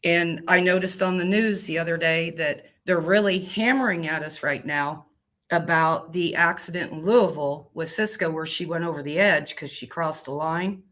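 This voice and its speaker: This is a woman truck driver giving a casual interview, with a slightly low voice. She speaks plainly and with emphasis, in a folksy, down-to-earth manner that leans into her points. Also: moderate pace, a bit bright.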